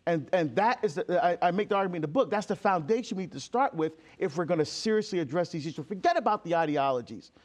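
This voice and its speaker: Fast and expressive, with few pauses, the high-sitting, darkish voice belongs to a deacon and author from Barbados. He is an interview guest talking with passion and conversationally, stressing his points, performing quoted exchanges, and often using fillers and restarting.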